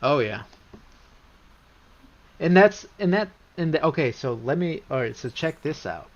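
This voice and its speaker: A man hosting a live trading stream, talking casually through charts, rambling with many restarts and bursts of excitement. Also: a little high, measured pace. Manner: rambling, restarts often, gets excited and repeats himself. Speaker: livestream trading host. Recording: slightly dull lo-fi stream audio.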